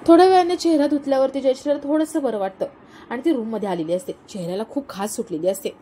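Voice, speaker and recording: A woman storyteller retelling a television serial episode in a steady, plain way. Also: sits high, fast, slight background noise.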